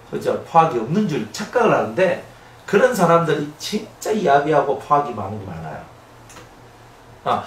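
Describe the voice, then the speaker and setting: Animated Gyeongsang-accented preacher in an echoey hall. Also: male voice, on the high side. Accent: Gyeongsang Korean. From Gyeongsang region, Korea. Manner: animated, acts out quoted voices, asks the audience for agreement. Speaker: pastor. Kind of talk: sermon. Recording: echoey room, somewhat distant mic, faint noise.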